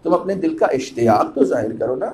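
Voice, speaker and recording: High-voiced impassioned male cleric. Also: animated. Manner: impassioned, swelling to loud cries; chants Arabic phrases slowly. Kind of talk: Muharram majlis sermon.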